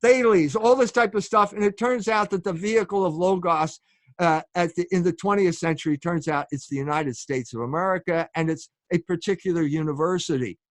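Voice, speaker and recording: A man with a notably high voice gives a public lecture, speaking with earnest emphasis. His words come across dry and close, with no room echo around them. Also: fairly quick. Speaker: speaker and author.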